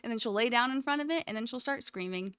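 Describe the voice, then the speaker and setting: A woman's voice: fairly high pitch, quick pace, smooth, no echo, clean studio sound. A woman livestreamer chatting casually with her viewers in an informal, affectionate, rambling way, often giggly. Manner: giggly, frequently breaking into loud laughter. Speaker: live streamer. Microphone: close USB microphone.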